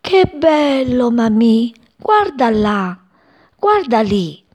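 A woman voicing an excited little male sparrow chick who asks eager, breathless questions. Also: fairly low pitch, unhurried, breathy edge, heavily acted.

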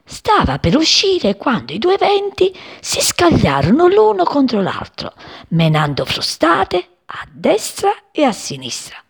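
A woman reading a children's story aloud, expressive and voicing many characters. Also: high-pitched, unhurried, gravelly.

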